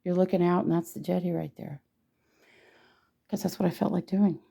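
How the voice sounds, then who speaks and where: A hoarse woman with a gravelly voice, chatting casually and teasing herself while she teaches a painting tutorial. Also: on the low side, fairly even intonation, normal speed, dark tone. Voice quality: gravelly, husky voice. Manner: chatty, self-deprecating, thinks aloud while painting.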